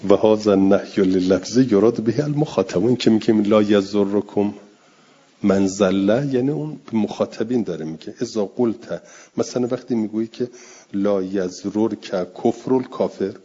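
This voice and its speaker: A man teaching a class, reading Arabic text aloud and explaining it, drawing out repeated words slowly. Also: fairly low pitch, dark tone, slightly rough. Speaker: teacher of Arabic grammar and Quran exegesis. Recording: dull lo-fi classroom recording.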